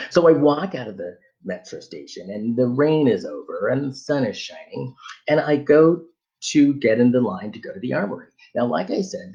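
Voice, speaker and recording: A man telling a funny personal travel story in an animated, conversational way. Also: fairly low pitch, highs cut off.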